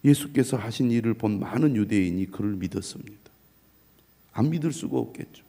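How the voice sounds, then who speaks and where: A middle-aged man, a pastor, preaching an early morning sermon in a measured way and reading scripture aloud. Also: lowish voice, expressive, dark tone.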